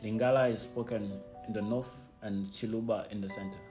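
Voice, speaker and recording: A young man from the Democratic Republic of the Congo, whose first language is Swahili, speaks English as a second language in a casual interview as a guest and missionary team member. He's soft-spoken and halting, often restarting and laughing, in a lowish voice with fairly even intonation. The setting is a house in a neighbourhood, with music in the background.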